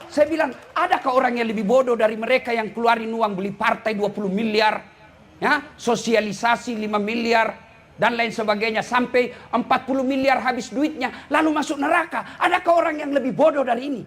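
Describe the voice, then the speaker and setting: A man from Indonesia, an Islamic preacher giving a humorous sermon, teasing and addressing the congregation directly in an animated way. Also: very high-pitched, fairly quick.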